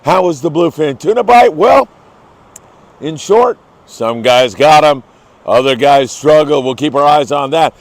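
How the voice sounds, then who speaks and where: A man's voice: fairly high pitch, expressive, a little slow, no room sound. A man hosting a fishing report in an upbeat, effusive manner, like a travel show host gushing about the scenery and the fishing.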